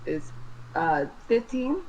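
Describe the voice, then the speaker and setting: High-voiced woman player, animated. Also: slow pace, slight background noise, rough recording. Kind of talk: casual chat.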